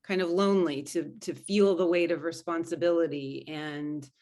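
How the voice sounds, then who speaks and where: A woman with a low voice and a gravelly edge talks earnestly as a spiritual coach being interviewed. She is thoughtful and often circles back to rephrase her words. Her delivery is steady and reflective. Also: normal speed. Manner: earnest, thoughtful, with frequent restarts. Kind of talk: conversational interview answers.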